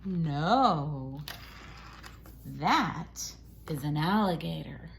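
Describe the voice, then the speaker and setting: Reading a picture book to young children, this educator uses a deep, expressive voice with drawn-out words and vocal fry. Her delivery is exaggerated and sing-song, an animated storytime that models core words. There's loud background noise behind the voice.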